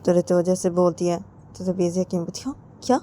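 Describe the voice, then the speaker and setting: A woman's voice: fairly low pitch, completely flat delivery, brisk, warm tone, a little hiss or hum. A woman narrating a love story in a casual, plain, repetitive way.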